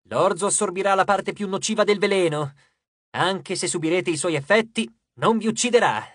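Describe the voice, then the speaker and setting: An audiobook narrator voicing a boastful, theatrical male harvest god who declaims loudly and grandly. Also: mid-range voice, moderate pace, no room sound, studio quality, lightly acted. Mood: instructive. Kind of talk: audiobook character voice.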